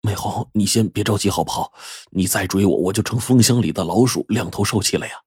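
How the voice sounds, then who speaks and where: A man's voice: fairly low pitch, animated, fast, a little mellow, husky, dry recording, studio quality. A man voicing a middle-aged male factory director who talks in a coaxing, insistent way. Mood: evasive.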